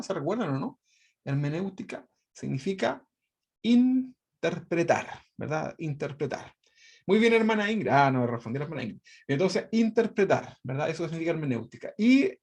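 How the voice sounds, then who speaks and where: A man leads a church Bible lesson in a chatty, conversational manner. His voice sits a little higher than most men's, and he keeps tagging his phrases with little questions. He acts out quoted speech with dramatic emphasis and jokes lightly with his class. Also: a little mellow. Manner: conversational, constantly adds tag questions.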